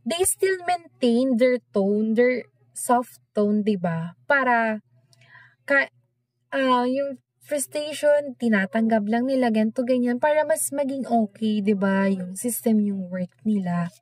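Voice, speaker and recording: A woman's voice: a little high, slow, a little mellow, no echo. Chatty Filipino woman teaching a lesson. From Philippines. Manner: conversational, frequent tag questions. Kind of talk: informal lesson talk, mixing English and Filipino.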